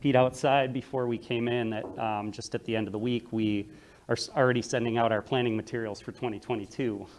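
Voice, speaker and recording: An American man speaking through a face mask, explaining his work on a panel in a halting, measured way. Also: mid-range voice, steady tone. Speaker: produce manager, panelist.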